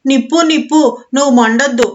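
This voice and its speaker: A woman's voice: high voice, a little fast, muffled recording, natural voice. A woman voicing a foolish little female goat kid who pleads tearfully, in a storybook reading. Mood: pleading.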